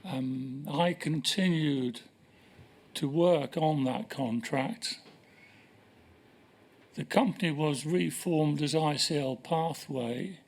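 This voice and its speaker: An older man answering questions as a witness at a formal hearing, measured and hesitant, pausing often. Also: on the high side, vocal fry. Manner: measured, hesitant, with many pauses. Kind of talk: formal testimony. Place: inquiry hearing room.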